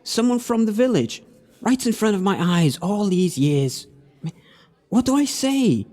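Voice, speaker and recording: A man's voice: sits high, expressive, measured pace, darkish tone. A man playing a lovestruck, easily flustered young prince in a theatrical audio pantomime. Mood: smitten.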